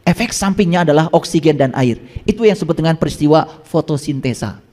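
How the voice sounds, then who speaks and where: A man preaching a sermon to a live audience, quizzing listeners and swinging between high exclamations and low asides. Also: animated, quick pace, a little mellow. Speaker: Islamic preacher. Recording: long hall reverb.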